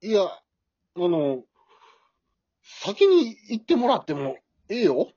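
A woman's voice: medium pitch, wildly swooping pitch, slow pace, mellow, slightly rough, dry recording, exaggerated voice. A woman voicing a timid, grumbling elderly husband with a Kansai accent in an amateur radio drama, whiny and easily scared. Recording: dull dry lo-fi recording.

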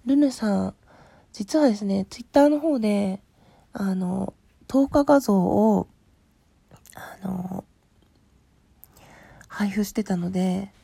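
A woman with a husky, rough morning voice, hoarse from sleep, chatting casually and politely as a podcast host replying to listener letters, often trailing into soft murmurs. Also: medium pitch, slow, pauses often, no room sound. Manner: polite, appreciative. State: hoarse from having just woken up.

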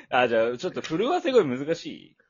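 A man's voice: a little high, huge pitch swings, normal speed, slightly rough, muffled recording. A man co-hosting a casual podcast chat, joking playfully and giggling often. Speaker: podcast co-host.

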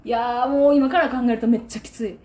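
A woman's voice: on the high side, quick pace. A woman with a Kansai accent, a takoyaki shop owner, vents indignantly about a customer in a solo podcast monologue. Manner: indignant venting, animated.

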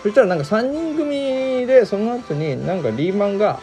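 A man co-hosting a chat, telling an animated story and acting out quoted lines in a rough voice. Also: high-pitched, moderate pace, soft background music. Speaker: podcast co-host.

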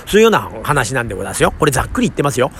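Man talking fast outside by a station, gravelly voice, his pitch jumping around, faint traffic behind. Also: sing-song. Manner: chatty, polite, with many fillers. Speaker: podcast host. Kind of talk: casual solo talk. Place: outdoors near a train station at night. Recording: faint street noise outdoors.

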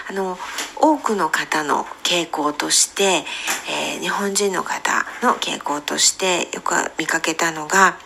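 A woman who coaches English pronunciation, talking on her own podcast in a gentle, explaining way with many fillers. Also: on the low side, gravelly. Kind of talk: solo podcast talk.

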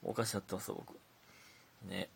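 A young man with a Kansai accent, a comedian chatting casually on his own podcast and reading listener letters aloud, talkative and self-deprecating, swinging between loud bursts and mumbled asides. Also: sits low, fairly even intonation, a little fast, gravelly, breathy edge. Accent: Kansai Japanese.

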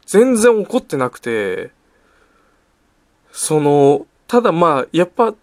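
A young man hosting a casual solo talk show, telling a story with a lot of energy. His voice jumps up when he gets excited, and he laughs often between lines. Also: a little high, slow pace, dry recording, clean studio sound. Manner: animated storytelling, voice jumping up in excitement; frequent laughter. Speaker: podcast host.

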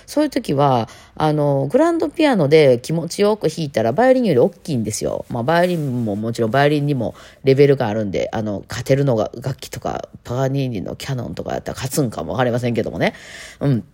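Her voice is extremely low and warm, very animated, and quick. She's a Kansai-accented violinist hosting her own talk show podcast, chatting and rambling casually while playfully imitating others.

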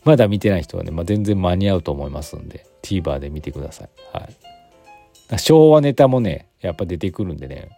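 A man's voice: deep voice, lively intonation, brisk, warm tone, soft background music. Chatty forties man with an Aichi accent. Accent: Aichi Japanese. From Aichi, Japan. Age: 40s. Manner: chatty, rambling with many fillers. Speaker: podcast host. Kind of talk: casual solo chat.

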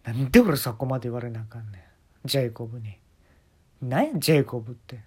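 A man's voice: mid-range voice, quick pace, slightly rough. Kansai man, casual comic storyteller, dry and exasperated, phone-mic podcast. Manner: exasperated, wry complaining. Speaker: podcast host.

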